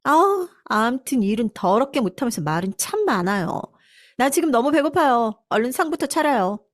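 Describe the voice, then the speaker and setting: A woman's voice: on the high side, very animated, normal speed, dry recording, clean studio sound, voice pushed up. A woman voicing a spoiled, rude young wife who talks down to others with a sneering, whiny manner. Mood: contemptuous.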